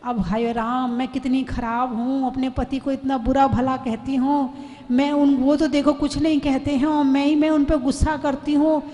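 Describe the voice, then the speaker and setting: A woman preacher voicing a remorseful young wife in a story, speaking softly and with regret. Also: on the high side, flat delivery, moderate pace, hardly any pauses, voice pushed down, natural voice. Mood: regretful. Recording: long hall reverb.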